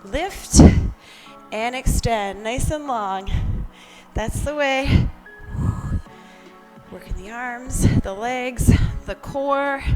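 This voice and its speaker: A woman's voice: a little high, very slow, long pauses, over music, poor audio. A woman leading a workout as instructor, encouraging and counting down cues while exercising along. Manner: exerting herself while talking, exercising along.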